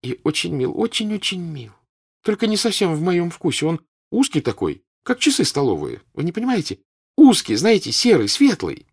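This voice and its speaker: A husky-voiced man voicing a playful, stubborn teenage girl in an audiobook, talking eagerly and insistently. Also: on the low side, very animated, moderate pace, pauses often, voice pushed up, heavily acted. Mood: excited. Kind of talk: audiobook character voice.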